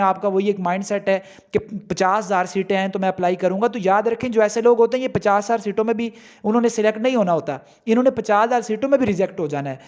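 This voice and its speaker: A man's voice: high-pitched, a little mellow. A man giving an earnest motivational talk to job seekers, pressing his point with rhetorical questions. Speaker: job exam coaching channel host.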